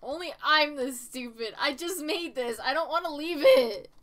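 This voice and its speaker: A woman's voice: high voice, moderate pace, fairly bright tone. A woman streaming a game, talking to herself in casual commentary, pleading with the game and laughing at her own mistakes.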